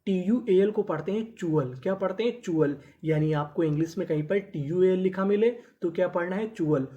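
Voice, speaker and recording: Male phonics teacher with a mellow, warm voice. Drills by asking a question and answering it himself, and spells words out slowly before saying them whole. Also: high-pitched, highs cut off. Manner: sounds out letters slowly, then blends them into words. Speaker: English teacher. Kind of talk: phonics lesson for Hindi speakers.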